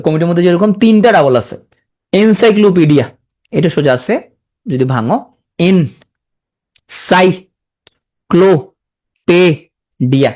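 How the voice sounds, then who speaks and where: A spelling teacher, who sounds out words slowly syllable by syllable and repeats them, with joking asides to a large class. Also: mid-range voice, darkish tone.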